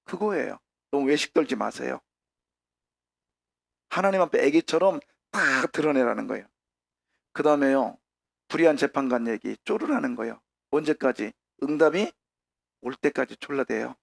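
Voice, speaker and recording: A middle-aged man preaching a sermon as pastor, animated, with sudden shouted peaks, and acting out prayers in a conversational voice. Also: mid-range voice, normal speed, gravelly, pauses often, no echo. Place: church sanctuary.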